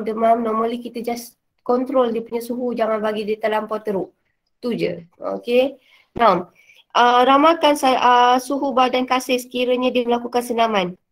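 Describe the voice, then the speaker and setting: A woman's voice: fairly high pitch, fairly even intonation, normal speed. A woman teacher with a Malaysian Malay accent, giving a casual revision lesson with many fillers and English words mixed in.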